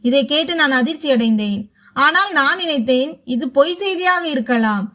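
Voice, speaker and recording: A woman narrating a first-person story with a dramatic, emotional delivery. Her voice sits high. She tells the tale as a storyteller. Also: expressive, normal speed, pushed and bright.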